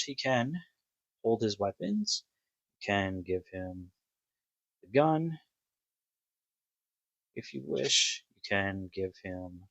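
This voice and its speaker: A man giving a casual, musing toy review, talking slowly with many ums and restarts, on a dull lo-fi home recording. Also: lowish voice, vocal fry, fairly bright tone, dry recording.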